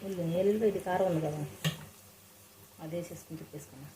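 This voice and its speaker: Fast-talking woman cooking over sizzling pan. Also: fairly low pitch, background noise. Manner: chatty, explains each step to viewers. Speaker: cooking vlogger. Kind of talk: casual cooking demonstration. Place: home kitchen. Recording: frying sizzle behind the voice. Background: frying and stirring sounds.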